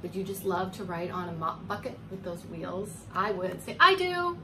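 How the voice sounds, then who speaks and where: Reading to young children as a preschool teacher would, this woman in her forties uses a lowish voice with big swings in pitch at a normal speed. Her animated read-aloud draws out words and slips in coaxing questions for the little ones. Noise is clearly audible in the home recording.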